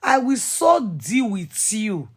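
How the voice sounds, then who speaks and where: A woman voicing a bitter, vengeful wife who speaks slowly in low, menacing threats. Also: sing-song, a little mellow, slightly rough, full character voice.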